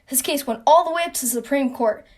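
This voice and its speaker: A woman's voice: high voice, quick pace. A young woman narrating a sarcastic comic history explainer, recorded on a phone. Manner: sarcastic, playful. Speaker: video creator.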